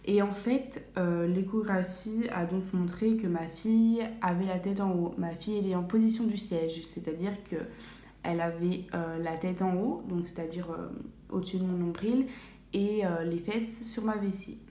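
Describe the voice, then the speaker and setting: A young woman tells a long story in a relaxed, rambling vlog, filling pauses and correcting herself often. Her voice sits a little low and sounds mellow. The small tiled bathroom around her rings with echo, and a faint hum runs underneath. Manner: chatty, many fillers and self-corrections. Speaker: vlogger. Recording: echoey bathroom, faint room ambience.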